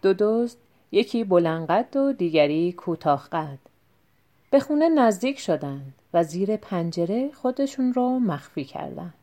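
A woman calmly narrating a folk tale as an audiobook reader, in an even storytelling manner. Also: mid-range voice.

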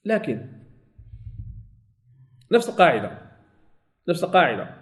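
A man with a Moroccan Arabic accent teaching a Quran recitation class. He corrects his students and stretches out sample words slowly, saying them again and again. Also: fairly high pitch, big pitch swings. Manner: corrects students and checks they follow. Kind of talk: classroom tajweed lesson.

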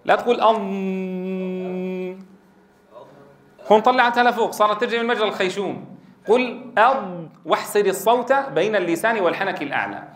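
A man's voice: high voice, racing, a bit bright, echoey room. A middle-aged man teaching a classroom lesson, explaining and quizzing his students and drilling sounds aloud. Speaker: Quran recitation teacher.

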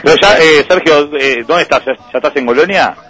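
A Uruguayan man co-hosting a radio sports show, chatting casually with halting restarts. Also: on the high side, a bit bright, slightly rough. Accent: Uruguayan Spanish. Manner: hesitant, full of restarts, chuckling.

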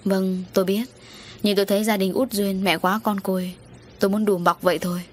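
A woman's voice: mid-range voice, flat delivery, brisk, a little mellow, slight background noise, close to an everyday voice. A woman doing an evasive, hot-tempered landowner. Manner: hesitant, then snapping.

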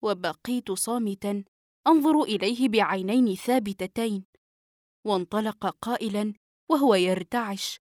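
Steady woman narrating a novel. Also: mid-range voice, moderate pace, no echo, clean studio sound. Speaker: audiobook narrator.

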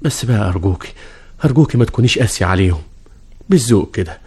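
Egyptian actor doing a smarmy older suitor, low husky voice, fast. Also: male voice. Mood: flattering. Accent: Egyptian Arabic. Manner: flattering, wheedling. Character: smooth-talking middle-aged suitor, flattering. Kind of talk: 1950s Egyptian radio drama acting.

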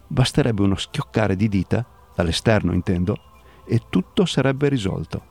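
A man voicing a calm old man who drinks liquor and shrugs off the fuss around him, in a radio story reading. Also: fairly low pitch, creaky. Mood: easygoing. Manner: easygoing, unhurried.

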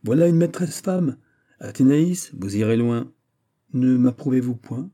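A man's voice: medium pitch, lively intonation, a little slow, mellow. A man voicing a teasing, mocking young woman in an audiobook. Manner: mocking, playful.

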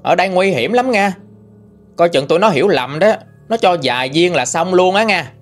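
A young soldier teases in a raised, animated voice, as a man puts him on. Faint music runs in the background. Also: high voice, moderate pace, voice pushed up. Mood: joking. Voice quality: teasing. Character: joking young male soldier.

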